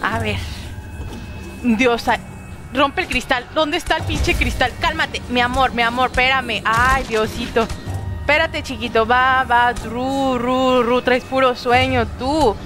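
High-voiced Mexican woman gaming, excitable. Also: takes it slowly, over music. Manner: excitable, swears a lot, coos at the baby. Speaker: gameplay streamer. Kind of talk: casual gameplay commentary.

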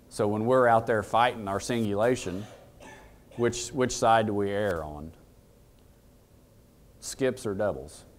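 This equipment dealer, a man in his thirties, gives a casual technical talk in a conference room with a lowish, slightly mellow voice. He's plain-spoken and folksy and often throws questions out to the room.

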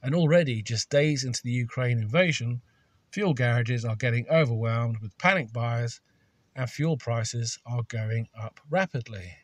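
A man's voice: mid-range voice, normal speed, dry recording. A man reading a scripted voice-over with dry, sardonic humour. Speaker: video narrator.

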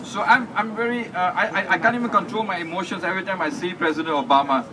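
A man from Singapore giving a humorous, emotional speech at an outdoor rally, with halting restarts. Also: high-pitched, fairly even intonation, background noise. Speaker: village councilman. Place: outdoors on building steps in a crowd. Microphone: handheld mic, filmed by a phone from far off. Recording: distant phone video of a crowded street rally.

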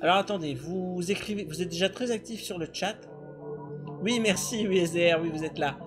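Middle aged guy rambling to his stream chat, pretty high voice, music in the back. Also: a little fast. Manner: rambling, self-deprecating. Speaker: game streamer. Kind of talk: casual live-stream chat. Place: indoor home streaming setup.

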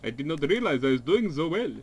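A man's voice: a little high, sing-song, fast talker, a little mellow. A man chatting casually while playing a game, playful and full of exclamations. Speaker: gamer. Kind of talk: casual gaming chat. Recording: faint background noise.

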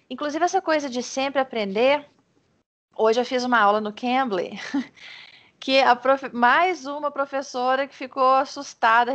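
Brazilian woman, English tutor on a video call; slightly high voice, talkative and encouraging, restarts sentences a lot. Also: fairly bright tone, muffled recording. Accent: Brazilian Portuguese. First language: Portuguese. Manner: chatty, encouraging, explains with many restarts. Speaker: English teacher. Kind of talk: online tutoring lesson.

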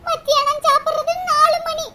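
Woman doing a squeaky whiny cartoon wife. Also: level tone, moderate pace, sharp tone, far from the mic. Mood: complaining. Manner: whiny complaining. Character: young wife grumbling about her mother-in-law. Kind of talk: cartoon voice acting.

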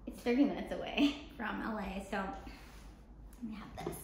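A woman's voice: mid-range voice, normal speed, gravelly. A young American woman telling a story in casual chat, acting out quoted dialogue and often saying "like". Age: young adult. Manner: animated retelling with quoted dialogue, frequent "like". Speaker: show co-host telling a personal story. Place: apartment living room, indoors. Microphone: camera mic a few feet away. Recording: echoey room, faint background noise.

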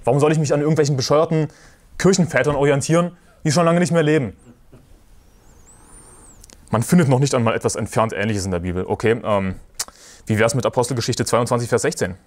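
A male preacher delivers a sermon with a combative, forceful edge. He hammers his points home and repeats references for emphasis, and his voice sits at a mid pitch. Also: fast, long pauses.

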